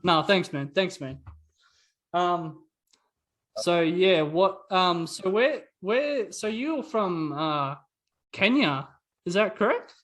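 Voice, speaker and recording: A man's voice: sits high, lively intonation, slow, fairly bright tone. A young man hosting a casual podcast, talking with lots of ums and likes. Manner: hesitant, many ums and likes. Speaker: podcast host.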